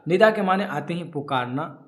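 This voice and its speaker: Grammar teacher, quizzing himself, echoey room. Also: male voice, fairly high pitch, lively intonation. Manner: drills by asking questions and answering them himself. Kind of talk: classroom lesson.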